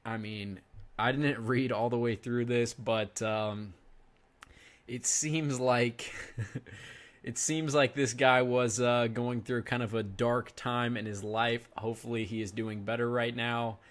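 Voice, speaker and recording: A man in his twenties with a medium-pitched voice hosts a finance video, offering casual reaction commentary. He chats with his viewers and keeps calling them "guys."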